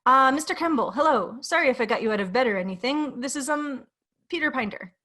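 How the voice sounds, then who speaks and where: A woman's voice: sits high, expressive, brisk, pushed and bright, exaggerated voice. A woman reading aloud and voicing a nervous middle-aged male clerk who stammers and hesitates on the phone. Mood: anxious.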